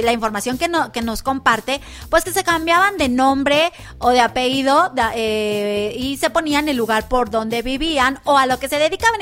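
A high, bright female voice. She hosts a children's radio show and talks in a loose, chatty way, often stalling on fillers and restarting words. Soft music plays faintly behind her. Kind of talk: casual live radio chat for children.

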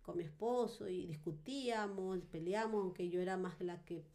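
A woman's voice: on the low side, normal speed, a little mellow. A woman giving a personal testimony in conversation, hesitant and full of fillers and tag questions.

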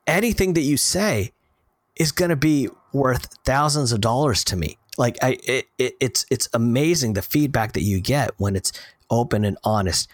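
A man's voice: mid-range voice, no echo. Earnest man talking on a dry mic. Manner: earnest, animated storytelling with quoted dialogue. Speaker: podcast co-host. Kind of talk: casual chat.

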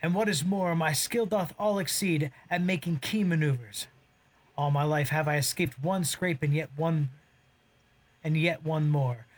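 Man voicing a swaggering space smuggler, boastful old-style verse, slightly high-pitched. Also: measured pace. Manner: boastful Shakespearean verse delivery. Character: cocky roguish male smuggler captain. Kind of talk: audio drama acting in verse.

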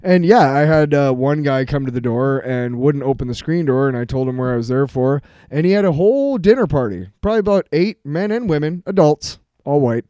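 A man co-hosting a podcast, talking in heated, profane, rambling bursts that get loud. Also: fairly high pitch, lively intonation, brisk, few pauses, no echo, clean studio sound. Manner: gets loud. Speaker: podcast co-host. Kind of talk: heated casual chat.

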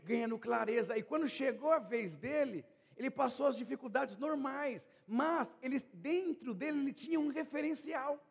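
A man's voice: extremely high pitch, creaky, breathy edge, in a large hall. A middle-aged man preaching a sermon as a pastor, talking conversationally and repeating his phrases.

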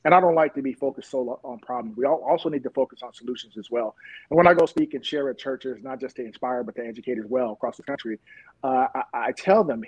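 Husky-voiced man telling street stories. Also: medium pitch, low-quality recording. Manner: lively, laughs at his own stories. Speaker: police officer guest. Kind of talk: animated storytelling in an interview.

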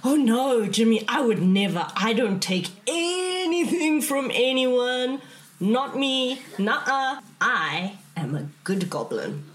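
A woman's voice: a little high, animated, slow pace, slight background noise, pitched above the performer's own voice. Woman voicing an earnest little goblin girl, innocent act. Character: small, innocent-acting, bread-loving young female goblin thief.

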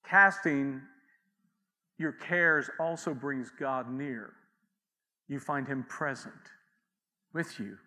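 A man's voice: mid-range voice, takes it slowly, long pauses, sharp tone, in a large hall. A man preaching a sermon as pastor, in a conversational way with asides and acted quotes.

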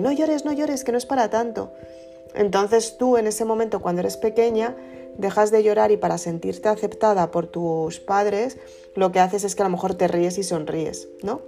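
A woman giving a casual, gentle self-help talk, often checking in with the listener. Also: mid-range voice, creaky. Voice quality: soft, conversational, asks "¿no?" often. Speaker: emotional wellbeing speaker. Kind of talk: casual motivational talk to camera. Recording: soft guitar music underneath.

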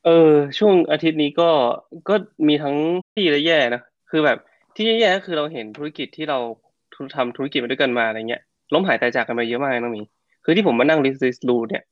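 A man's voice: a little high, fairly quick, no room sound, dull audio. A middle-aged man co-hosting a casual podcast, chatty and slangy as he tells stories. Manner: chatty storyteller, slangy and animated. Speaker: podcast co-host.

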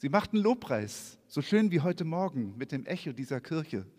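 Male preacher, high lively voice, expressive scripture reading, church reverb. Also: moderate pace. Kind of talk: sermon reading scripture with slides. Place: church hall.

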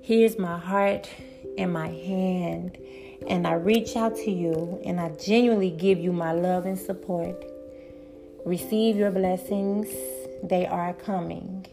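A woman hosting a spiritual encouragement talk, speaking slowly and earnestly and repeating affirmations with growing emphasis. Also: lowish voice, steady tone, creaky. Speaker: podcast host. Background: background instrumental music.

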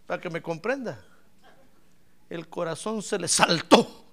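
A male pastor preaching a lively sermon, asking the congregation questions and swinging from shouts to soft asides. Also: sits high, a little slow, creaky. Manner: animated, playful, asks the congregation questions; bursts into shouts then drops to soft asides.

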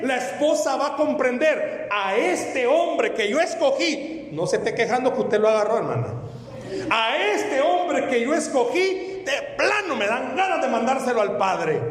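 A man preaching a sermon as pastor, animated and joking with the congregation. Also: very high voice. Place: church hall. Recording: echoey hall, long reverb.

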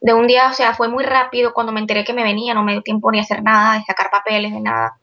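A young woman from Venezuela, a guest illustrator in a casual interview, chatty and quick-talking. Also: on the high side, little pitch movement, pushed and bright, highs cut off.

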